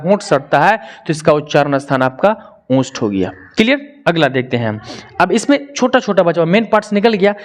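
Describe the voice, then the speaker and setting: Young male teacher, slightly high-pitched, repeats syllables slowly, quizzes viewers. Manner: asks viewers to comment and answer. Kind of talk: Hindi grammar lesson.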